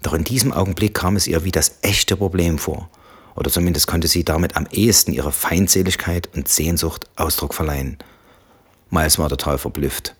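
A man reading an audiobook novel in calm, even scripted narration. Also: low-pitched, fairly quick, husky.

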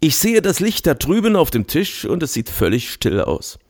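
A man voicing a pompous, credulous middle-aged general in an audiobook, speaking in a slow, self-important way. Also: on the high side, sing-song, darkish tone, pitched above the performer's own voice. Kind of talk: audiobook character voice.

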